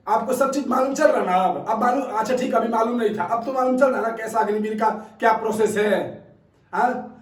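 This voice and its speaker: A man's voice: extremely high pitch, far from the mic. A man who runs a fitness academy giving his opinions in casual talk to viewers, emphatic and repetitive, often checking in with a questioning "haan?". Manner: conversational, keeps asking "haan?" to viewers; emphatic, repeats points. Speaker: fitness academy coach and channel host. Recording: roomy echo, voice set back from mic.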